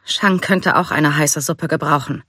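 Tired young woman soldier, soft and worn out, close dry sound, reader voicing her. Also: mid-range voice, fairly even intonation, unhurried, slightly rough, no room sound. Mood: weary. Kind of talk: storybook read-aloud.

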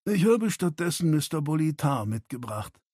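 A worried older father with a raised, strained voice, as a male narrator plays him. He pleads and defends himself in a husky tone, sometimes slowing to press his point. The reading is dry and close. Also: fairly high pitch, big pitch swings, mellow, dry recording, pitched above the performer's own voice. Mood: pleading.

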